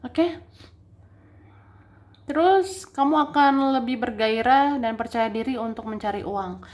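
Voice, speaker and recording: A woman's voice: fairly high pitch, measured pace, darkish tone. Chatty woman giving a tarot reading. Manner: chatty, repeats and rephrases each point, laughs often. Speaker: tarot reader.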